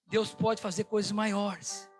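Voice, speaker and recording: A pastor preaching a sermon with a personal testimony, impassioned and fervent. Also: male voice, high-pitched, takes it slowly, soft background music. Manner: impassioned, rising to excited retelling.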